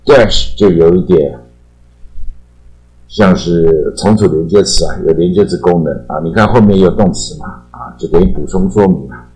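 Older man, Taiwanese Mandarin accent, very deep voice, relaxed chatty teacher who draws out his particles, soft music bed. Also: rough recording. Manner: chatty, drawn-out sentence-final particles. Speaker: English teacher. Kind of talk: casual explanatory lesson.

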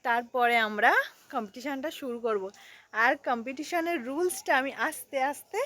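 Bright, high-voiced young woman vlogging. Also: normal speed. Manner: lively, addresses viewers as friends. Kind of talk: chatty rooftop vlog to viewers. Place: sunny rooftop outdoors.

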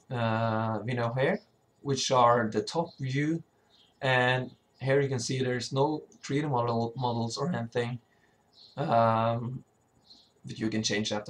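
A man who sounds sick, with a cracking voice, giving an informal, hesitant software tutorial. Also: mid-range voice. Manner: hesitant, often stumbling and throat-clearing. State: sick, sore voice. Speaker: tutorial presenter, level designer.

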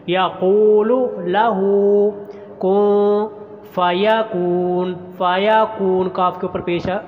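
A man teaching Quran pronunciation in an online class, chanting each verse slowly, then explaining the rules briskly. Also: high-pitched, big-room sound, highs cut off, slight background noise.

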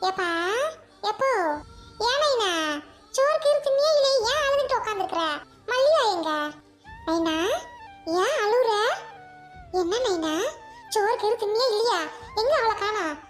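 A woman's voice: very high voice, measured pace, long pauses, soft background music. A woman playing a caring village woman who coaxes and consoles an old man, in an amateur family drama. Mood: worried. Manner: coaxing, consoling, raised worried voice.

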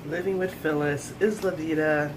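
A woman's voice: deep voice, steady tone, normal speed, background noise. A middle-aged woman hosting a casual home cooking show from her kitchen, chatty and upbeat, talking straight to viewers.

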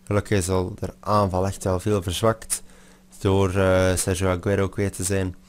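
A young man giving excitable live gameplay commentary, swearing often and mixing in English. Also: low voice, moderate pace. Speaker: gamer.

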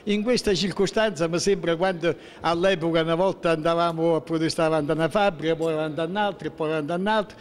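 Speaking with a southern Lazio accent, a local politician in his sixties answers an impromptu interview indoors in a public building's hallway, the interviewer holding a handheld mic toward him. His pitch is fairly high and the sound is that of a large hall. He comes across as aggrieved and emphatic, halting and restarting amid repeated rhetorical questions.

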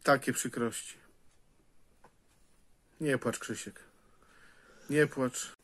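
A man's voice: medium pitch, fairly even intonation, very slow, a bit bright. A man filming and chatting, teasing people with probing questions.

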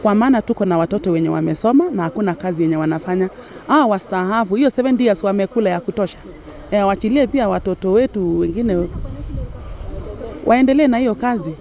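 A woman's voice: mid-range voice, fast, darkish tone. A middle-aged woman with a Kenyan accent, pleading earnestly in an outdoor street interview beside a market stall, with a handheld mic. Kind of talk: vox pop street interview. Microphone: handheld furry mic.

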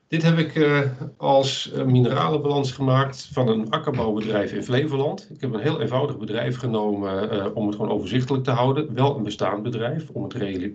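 A man in his fifties lectures over a video call in a measured, explanatory way, talking his audience through slides. His voice sits fairly low. The call audio is dull and lo-fi. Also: a little mellow. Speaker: lecturer presenting a webinar. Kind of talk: webinar presentation with slides.

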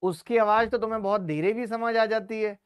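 A man who teaches maths, talking to students in a live online class in a loud, scolding, preachy way. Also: sits high, fairly even intonation, brisk, clean tone. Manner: speaks loudly to be heard.

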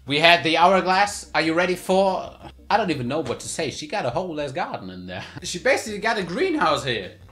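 A man's voice: high voice, sharp tone, roomy sound. A man giving comedic reaction commentary on fashion looks, mocking and exclaiming with rhetorical questions.

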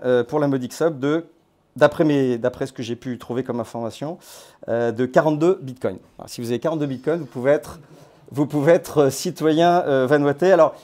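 A man giving an informal presentation to a meetup group, talking in a conversational, halting way with many hesitations and restarts. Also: mid-range voice, a little mellow. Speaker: crypto platform founder giving a talk. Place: based in Nouméa.

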